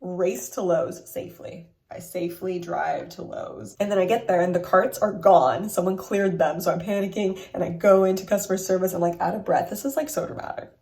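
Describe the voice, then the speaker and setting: A woman's voice: fairly low pitch, fairly quick, hardly any pauses, mellow. A woman hosting her own vlog, chatting animatedly and laughing at her own jokes while telling stories from her desk at home. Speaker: vlogger host. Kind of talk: casual vlog chat.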